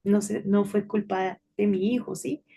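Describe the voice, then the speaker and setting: A middle-aged woman giving an informal devotional talk to children, telling a story in a chatty way and often checking in with a quick "right?". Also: medium pitch, flat delivery, mellow, breathy edge. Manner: chatty storytelling with frequent tag questions.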